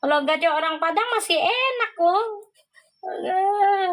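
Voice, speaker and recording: A woman's voice: very high voice, expressive, slow, fairly bright tone, rough recording. A woman hosting a casual livestream, chatting and reacting to viewer comments, laughing often.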